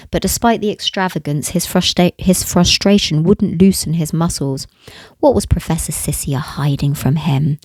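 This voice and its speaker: A woman's voice: deep voice, a little mellow, dry recording. A woman reading a novel aloud, now and then stopping to correct herself. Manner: stops to correct herself mid-read. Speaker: audiobook reader.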